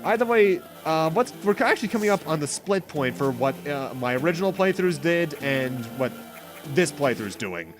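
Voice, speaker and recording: Over game music, the host of a video game playthrough series gives loose, rambling let's play commentary, explaining things and correcting himself along the way. His voice sits on the high side, swings widely in pitch, and moves at a moderate pace.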